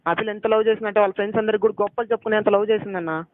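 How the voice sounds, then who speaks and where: A young man argues on a phone line and pleads his case. His voice sits high and the words tumble out quickly. The call sounds tinny and dry. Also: fairly even intonation, no room sound. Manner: pleading, accusing, repeating questions. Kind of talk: heated phone argument.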